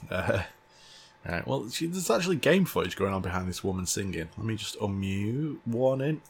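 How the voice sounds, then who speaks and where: A man's voice: lowish voice, big pitch swings, moderate pace, creaky, over music. A man reacting to a game showcase in blunt, sardonic casual commentary. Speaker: streamer.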